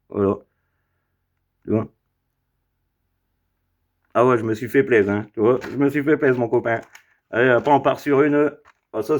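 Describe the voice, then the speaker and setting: A man's voice: mid-range voice, a little mellow. A man casually showing off his toy car collection, chatty and rambling with lots of fillers and asides. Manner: chatty, rambling, many fillers and tag questions. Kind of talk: casual unboxing vlog. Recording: slightly dull lo-fi sound.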